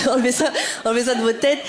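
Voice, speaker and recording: A woman stand-up comedian, talking directly to the audience on stage in a lively, energetic way. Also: on the high side. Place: on stage before a live audience. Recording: live stage with loud crowd noise.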